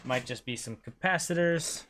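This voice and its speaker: A man's voice: medium pitch, normal speed, fairly bright tone. A man hosting a console repair stream, chatting casually and muttering to himself while he works, with casual swearing. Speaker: repair channel host.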